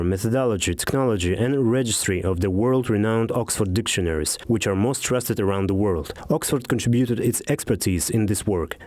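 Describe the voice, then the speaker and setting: A man's voice: on the low side, a little mellow, no room sound. A man reading a scripted voice-over translation for a news report.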